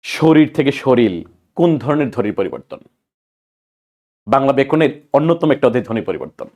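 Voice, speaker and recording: A man's voice: mid-range voice, very animated, brisk, darkish tone. A man from Bangladesh, teaching an exam-prep grammar lesson and quizzing listeners before answering his own questions.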